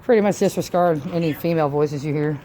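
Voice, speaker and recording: A woman's voice: low voice, fast, a crowd in the background. A woman chatting casually and bluntly during a ghost hunt, in informal, sweary speech, on a noisy on-location phone recording. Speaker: amateur paranormal investigator. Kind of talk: casual ghost-hunting chat. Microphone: phone camera.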